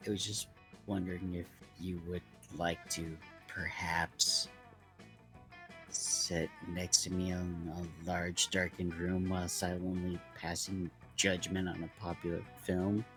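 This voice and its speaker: Brief: a man as a snobbish young artist, deep voice, stiff and wordy. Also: little pitch movement, slow pace, fairly bright tone, faint music behind. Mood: shy offer. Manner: formal, pompous wording. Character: pretentious, dry young man, artsy loner.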